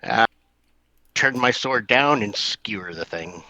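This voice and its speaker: A man's voice: on the low side, animated, slow, pushed and bright, no echo. A man playing in a tabletop game, eager and jokey, with short punchy lines. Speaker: player. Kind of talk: casual tabletop play.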